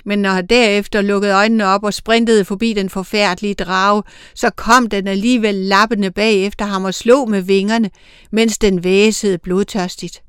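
A woman narrating a storybook tale in a measured, expressive way. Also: mid-range voice, clear, resonant tone, dry recording, clean studio sound. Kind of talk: storybook reading.

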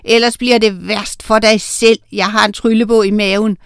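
A calm, icy protector of the children who drawls out slow, cold warnings, played by a woman reading a storybook aloud. The sound is smooth, close and dry. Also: medium pitch, no echo, close to an everyday voice.

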